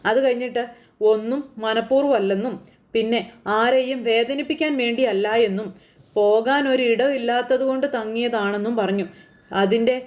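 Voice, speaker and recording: A woman's voice: on the high side, a little mellow. Chatty woman retelling a serial's plot. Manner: chatty, conversational, frequent asides to listeners. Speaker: TV serial recap narrator. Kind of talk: casual spoken story recap.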